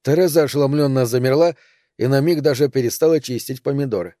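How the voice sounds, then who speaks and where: A man reading a novel aloud as the narrator, in a measured storytelling manner. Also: mid-range voice, mellow, dry recording, clean studio sound. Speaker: audiobook reader. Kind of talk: scripted narration.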